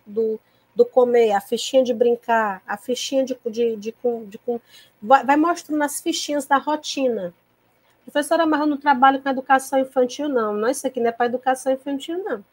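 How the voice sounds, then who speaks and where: A woman teacher from lectures other teachers on a video call, her voice sitting a little higher than most women's. She explains calmly and patiently, often pausing to check that her listeners follow. Her throat sounds tickly, as if she needs to cough. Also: no echo. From Piauí, Brazil. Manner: calm, patient explaining with frequent checking tags. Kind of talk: recorded online lecture to teachers.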